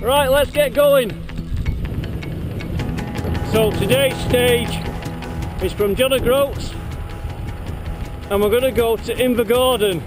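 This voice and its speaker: High-voiced man filming his own bike ride. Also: takes it slowly, long pauses, over music. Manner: chatty, upbeat, pointing out places along the way. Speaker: cyclist vlogger. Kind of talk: casual running commentary while riding. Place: outdoors on open coastal roads. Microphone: handheld action camera. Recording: wind noise on an outdoor camera mic.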